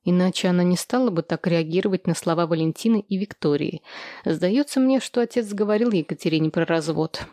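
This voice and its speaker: A woman voicing a thoughtful young man who reasons quietly and evenly. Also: lowish voice, a little fast, dry recording, studio quality, natural voice.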